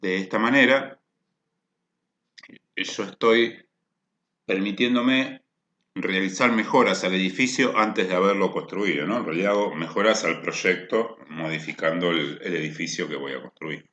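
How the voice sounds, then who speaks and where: An energy efficiency lecturer with a low voice delivers a technical workshop talk in an echoey room. He's unhurried and sharp-toned, explaining his points and restating them using "o sea" and "¿no?".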